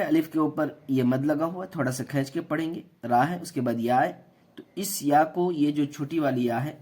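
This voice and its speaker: A man leads a beginner reading lesson in a formal, polite tone, speaking to his viewers. He stretches out example words slowly and loudly so they can be repeated. His pitch sits in an ordinary middle range. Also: slightly rough. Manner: drawn-out, loud sounding-out of example words. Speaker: Urdu teacher.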